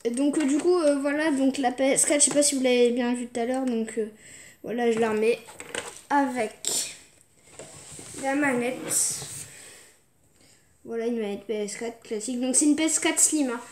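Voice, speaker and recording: Young woman, high voice, casual vlog chat, hesitant, lots of fillers. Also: steady tone, moderate pace, pauses often, darkish tone, slight background noise. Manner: hesitant, many fillers and restarts. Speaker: video game collector showing her games.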